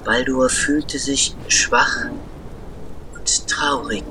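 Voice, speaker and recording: A man telling a children's story as scripted narration, slow and deliberate with dramatic pauses. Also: medium pitch, steady tone, background noise.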